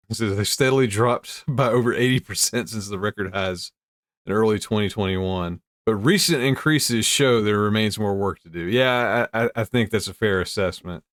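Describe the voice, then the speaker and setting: Amused low-voiced man, dry close sound. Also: moderate pace, a bit bright, no echo. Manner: amused, easily breaks into chuckles. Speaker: host. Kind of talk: casual commentary while reading news aloud.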